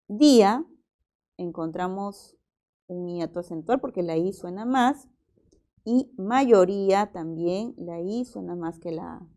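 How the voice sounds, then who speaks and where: A woman's voice: medium pitch, darkish tone. A woman teacher, working methodically through exam-prep language exercises and explaining each example aloud.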